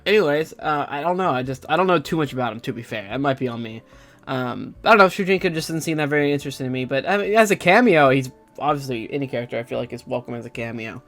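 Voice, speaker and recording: A young man giving casual gaming news commentary, rambling and hesitant with lots of fillers and restarts. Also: mid-range voice. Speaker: gaming YouTuber.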